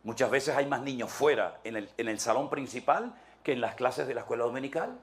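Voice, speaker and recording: A male pastor delivering a sermon, emphatic, with big swings in pitch and loudness. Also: expressive, a little fast.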